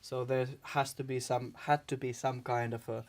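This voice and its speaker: A young man speaking as a radio guest, hesitant and halting in casual chat. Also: medium pitch, flat delivery.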